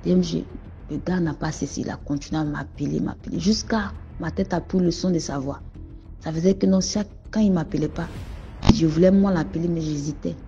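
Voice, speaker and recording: A woman with a low, mellow voice and a Cameroonian French accent speaks briskly as a caller sharing a personal story. She rambles conversationally, often restarting sentences and addressing the host, over muffled lo-fi audio with faint music behind.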